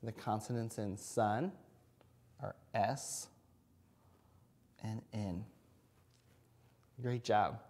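A man's voice: lowish voice, fairly even intonation, extremely slow, pauses often, darkish tone. A man in his thirties giving a phonics lesson, speaking simply and encouragingly as if to a small child. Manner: sounds out and spells words letter by letter. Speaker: kindergarten reading teacher. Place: indoors at an interactive whiteboard.

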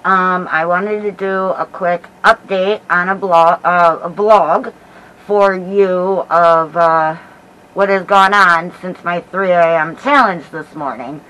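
A middle-aged American woman giving a casual vlog update in a hesitant, halting way while feeling sick with a headache. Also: fairly low pitch, steady tone, a bit bright, rough recording. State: unwell with headache and nausea. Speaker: paranormal vlogger. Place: small dim bedroom, indoors. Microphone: camera mic at about arm's length, through a cloth face mask.

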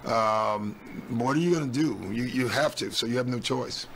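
Speaking into a stand-mounted desk mic in the team press room, this sixty-something head coach fields postgame questions from reporters. He's blunt and matter-of-fact, peppering answers with ums, in a medium-pitched, slightly bright voice at normal speed. There's a little hiss or hum.

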